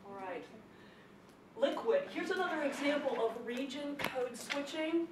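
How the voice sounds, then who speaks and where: A woman's fairly high voice gives a classroom speech lesson, emphatic and lively, often driving a point home by repeating it. She is heard from a distance in an echoey room, with steady noise underneath. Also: measured pace. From not from the Chicago area. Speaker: teacher.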